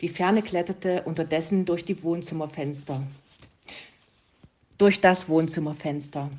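Woman, story reader, calm, steady, slightly low voice. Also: unhurried. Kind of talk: reading a children's story aloud.

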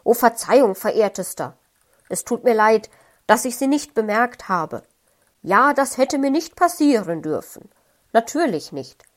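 A woman voicing an overly polite, flustered gentleman fox apologizing profusely. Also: a little high, animated, measured pace. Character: polite adult male fox, fussy gentleman.

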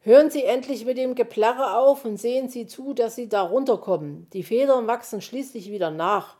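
A woman's voice: fairly high pitch, animated, normal speed, dark tone, pitched above the performer's own voice, lightly acted. A woman voicing an impatient, scolding male fox. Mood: grumpy. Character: gruff, grumpy male fox.

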